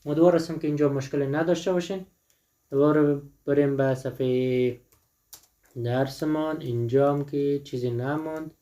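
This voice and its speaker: A man teaching an English lesson. He says each English word slowly, translates it, and answers his own questions to the class. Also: on the high side, steady tone, dark tone. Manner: asks the listener questions and answers them himself. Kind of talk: explaining a textbook lesson.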